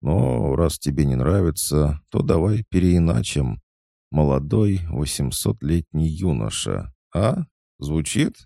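Dude doing a cheeky goddess sidekick, teasing, low and gravelly. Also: male voice, lively intonation, measured pace, warm tone, no echo, studio quality, exaggerated voice. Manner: teasing, soothing. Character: playful, teasing female goddess companion.

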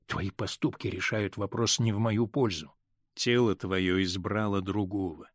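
A male reader voicing a hurt, stern middle-aged husband in an audiobook, speaking in a measured, grave way that holds back pain. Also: fairly low pitch, steady tone, dry recording, studio quality. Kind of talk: audiobook character reading.

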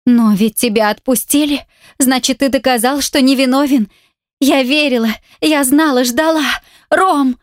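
Woman doing a frightened young woman, high strained voice, tearful, close dry sound. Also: normal speed, no room sound, natural voice. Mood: pleading. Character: frightened young woman pleading, then defiant. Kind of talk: audiobook reading.

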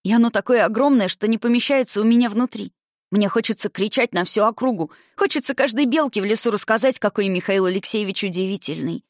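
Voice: mid-range voice, quick pace, dry recording, clean studio sound, lightly acted. An audiobook reader voicing an impulsive young noblewoman in love, who speaks eagerly and breathlessly. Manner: eager, breathless, rising excitement. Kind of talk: audiobook reading.

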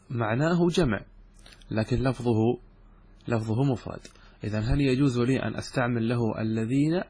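A man teaching a lesson on Arabic grammar, explaining step by step, asking questions and answering them himself, and drawing out example words slowly. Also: medium pitch, darkish tone, husky, dry recording.

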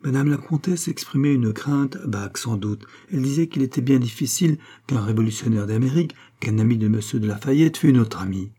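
A man reading an audiobook, voicing a proud, wounded queen who speaks with sharp irony and rising fury. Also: medium pitch, fairly quick, few pauses, slightly rough, close to an everyday voice. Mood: biting.

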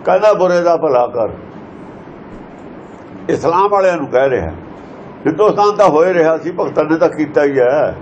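A man with a somewhat high voice explains scripture verses, stressing points and firing rhetorical questions at his listeners. The recording is dull and lo-fi, with a faint hiss underneath. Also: lively intonation, moderate pace, long pauses, a little mellow. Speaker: scripture teacher.

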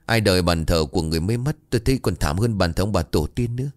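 A man's voice: deep voice, expressive, racing, no room sound. Man doing a troubled, hesitant old husband. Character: troubled older village husband, hesitant and uneasy.

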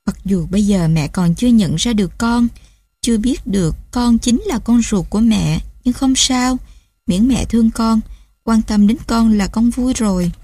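A woman voicing a sad, loving ten-year-old girl in a storybook reading, speaking with gentle pleading. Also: a little high, moderate pace, natural voice. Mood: tender.

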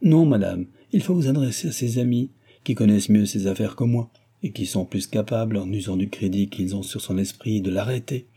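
A man's voice: on the low side, brisk, few pauses, dark tone, breathy edge. A man reading a cool, firm young heiress. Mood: cool, polite. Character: young well-bred heiress, reserved and firm.

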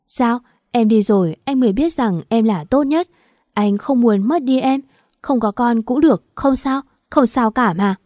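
A woman's voice: mid-range voice, normal speed, few pauses, mellow, dry recording, studio quality, natural voice. A woman voicing a torn young husband who pleads and clings, reading a storybook. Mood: pleading.

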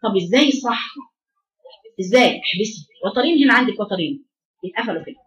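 A woman with an Egyptian Arabic accent teaching Quran recitation to a class of girls. She explains, quizzes the students, and chants drawn-out examples. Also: medium pitch, expressive, muffled recording, a crowd in the background.

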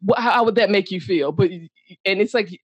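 A woman speaking as a podcast guest, telling stories with lively energy and acting out what others said. She swears freely and laughs often. The sound is dry and close. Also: mid-range voice, normal speed, slightly rough, no room sound, lo-fi sound. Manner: animated storyteller, acts out quotes, swears and laughs. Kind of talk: casual chat.

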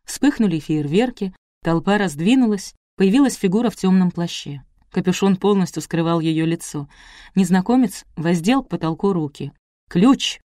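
A woman narrating a novel as an audiobook, brisk and wry. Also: on the low side, animated, dark tone, no echo, studio quality. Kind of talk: audiobook reading.

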